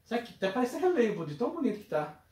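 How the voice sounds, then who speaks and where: An animated collector talks through an unboxing with excited exclamations, calling out each item. The voice sits a little back from the mic in an echoey indoor room, with a faint hiss underneath. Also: mid-range voice, rapid-fire, distant mic. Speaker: collector unboxing retro game cartridges. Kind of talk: casual unboxing vlog. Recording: roomy echo, voice away from mic, faint noise.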